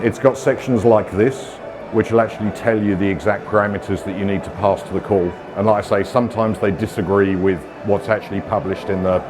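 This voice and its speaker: Speaking in a lowish voice over a noisy background, this conference speaker is a middle-aged man from the UK with a British accent. His technical talk to a room of listeners is laid-back and self-mocking, peppered with ums and uhs.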